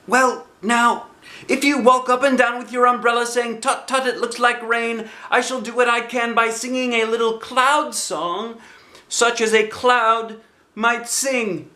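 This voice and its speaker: Silly old storybook toy bear, way high pitched, solemn n anxious, drags words out, roomy echo. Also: male voice, steady tone, pushed and bright, full character voice. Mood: earnest, scheming. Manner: ponderous, solemn, drawn-out phrasing. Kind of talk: children's storybook read-aloud.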